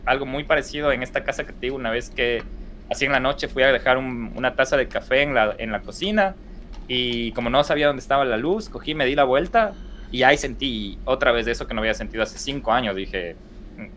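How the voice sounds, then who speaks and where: Young ecuadorian guy, rambling and casual, middle pitch, faint hiss behind. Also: fairly quick, bright, forceful tone. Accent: Ecuadorian Spanish. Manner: rambling, frequent restarts and fillers. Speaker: podcast guest. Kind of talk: casual storytelling in conversation.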